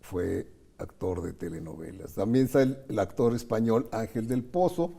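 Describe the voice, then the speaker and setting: A man's voice: fairly low pitch, normal speed, vocal fry, warm tone, slightly rough. A middle-aged man co-hosting a film talk show, chatting casually and recalling films and actors' careers in detail. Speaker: film critic co-host. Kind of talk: casual conversation about film.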